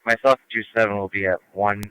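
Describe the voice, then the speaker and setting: A man's voice: fairly low pitch, flat delivery, quick pace, pushed and bright, smooth, dry recording. A man, a field unit responder, speaking in clipped dispatch talk over a crackly narrow two-way radio transmission. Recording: tinny noisy radio scanner feed.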